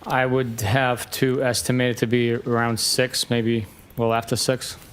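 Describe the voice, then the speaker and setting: Flat-toned policeman giving hesitant testimony. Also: mid-range voice, a little slow, slight background noise. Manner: matter-of-fact, hesitant, formal. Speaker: police sergeant testifying as witness. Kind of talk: courtroom testimony. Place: courtroom.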